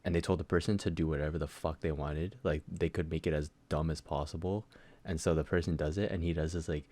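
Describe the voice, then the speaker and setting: A man's voice: a bass voice, fairly even intonation, fast talker, darkish tone. A young man co-hosting a podcast, chatting casually in a rambling way with lots of fillers and swearing. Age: young adult. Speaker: podcast co-host. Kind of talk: casual chat.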